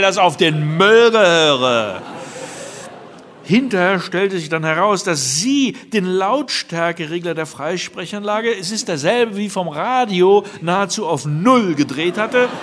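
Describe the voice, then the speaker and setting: Man reading a wry story, lively pitch. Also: slight background noise. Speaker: narrator. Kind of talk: first-person story reading.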